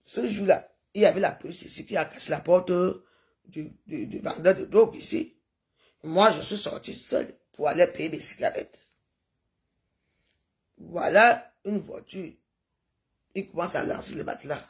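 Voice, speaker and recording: A woman's voice: on the low side, moderate pace, darkish tone. An older woman chatting to her viewers in a rambling, digressive livestream monologue, sprinkling in sound-effect noises.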